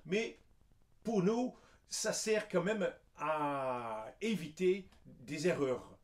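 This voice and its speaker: A man with a high speaking voice coaches singing at an unhurried pace. He explains each point patiently and breaks into short sung demonstrations. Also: animated. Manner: patient, explains, then sings examples. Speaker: vocal coach.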